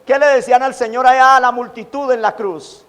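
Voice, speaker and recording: A man preaching a sermon as pastor, animated, acting out quoted taunts. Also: very high voice, brisk. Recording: long hall reverb.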